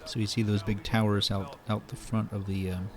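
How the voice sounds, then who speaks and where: A man's voice: fairly low pitch, level tone, normal speed, crowd noise. A man hosting a let's play, giving casual, rambling lore commentary full of fillers. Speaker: gamer host.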